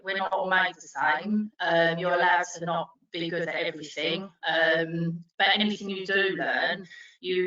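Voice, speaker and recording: Woman driving instructor, bright tense voice, hesitant with lots of ums; lo-fi distant echoey audio. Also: on the low side. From Wales. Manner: hesitant, many ums and restarts. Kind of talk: interview answers on a video call.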